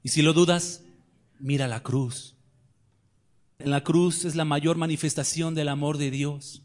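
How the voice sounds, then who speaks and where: A man preaching a sermon, firing rhetorical questions and swinging between loud declarations and quiet asides. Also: on the high side, steady tone, unhurried.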